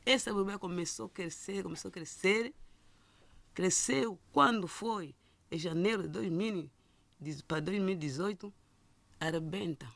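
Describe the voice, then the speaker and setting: Woman, middle-aged, gravelly, halting with restarts, dry sound. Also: fairly low pitch, a bit bright, dry recording. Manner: halting, with frequent restarts and repeated words. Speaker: listener telling her story. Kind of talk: personal testimony.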